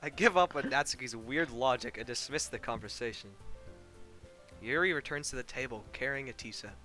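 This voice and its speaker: A man's voice: mid-range voice, fairly quick, pushed and bright, faint music behind. A young man streaming, casually reading game narration aloud, easygoing and laughing between lines. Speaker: streamer narrating a visual novel.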